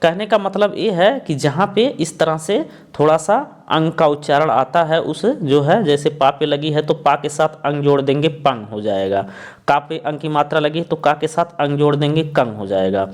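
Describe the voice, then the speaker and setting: A man teaching a lesson, explaining patiently and repeating each point while he spells out letters slowly. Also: a little high, fairly even intonation.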